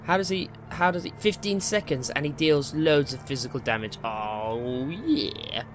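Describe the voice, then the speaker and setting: In this gaming video, a man with a slightly high, bright voice takes his time, offering casual Let's Play commentary in jokey, slangy asides to himself. Video game music sits behind him, and a little hiss or hum can be heard.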